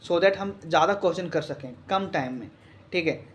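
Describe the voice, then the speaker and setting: A man, tutoring biology through exam questions, brisk and repetitive, quizzing his students with rhetorical questions. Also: on the high side. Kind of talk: exam question walkthrough lesson.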